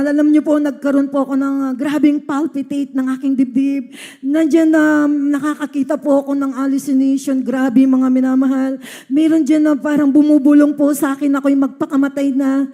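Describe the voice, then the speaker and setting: A woman's voice: high-pitched, mellow. A woman from the Philippines giving an earnest testimony to a church congregation, often addressing her listeners as beloved.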